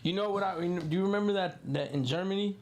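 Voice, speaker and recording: A man's voice: sits high, fast, a little mellow. Slangy, mocking young-sounding man. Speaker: podcast co-host. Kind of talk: casual banter.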